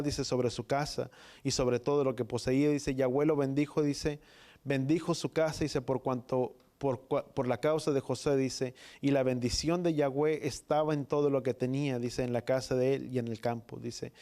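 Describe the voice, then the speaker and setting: Slow, halting male preacher. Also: medium pitch, steady tone, warm tone. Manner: halting reading, repeating "dice" between phrases. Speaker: pastor. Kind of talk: sermon reading and explaining scripture.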